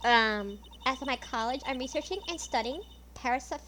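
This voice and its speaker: A woman plays a ditzy valley-girl college student, her high, somewhat bright voice moving at normal speed with airy, filler-heavy lines full of "like." Video game music sits behind her, and there's a little hiss or hum.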